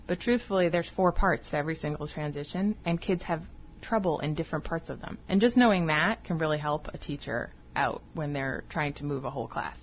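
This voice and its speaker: Lower-voiced woman explaining on radio. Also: expressive, fairly quick, dull audio, slight background noise. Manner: explains step by step, with examples. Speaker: guest expert, behavioral analyst.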